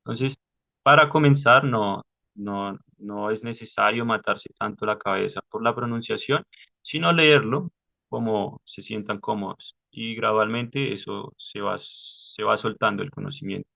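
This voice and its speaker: A man explains a text to his class over a video call, step by step, pausing often. His voice sits low and gravelly but has a bright, forceful edge. The lo-fi call audio sounds dull. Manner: patient, explaining step by step with many pauses and fillers. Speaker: study group leader.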